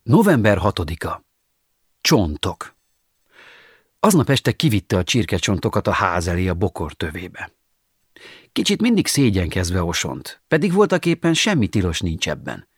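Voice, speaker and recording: A man narrates short stories for an audiobook in a measured, ironic tone. His voice is low, and the recording is close and dry with no room sound. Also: wildly swooping pitch, breathy edge, dry recording. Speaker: audiobook reader. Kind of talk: scripted narration.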